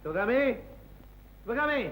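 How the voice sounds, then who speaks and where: A man's voice: very high voice, big pitch swings, takes it slowly, sharp tone, exaggerated voice, low-quality recording. An actor playing a brash young village man who fiercely protects his sister, defiant and mocking in a 1960s film. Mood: earnest.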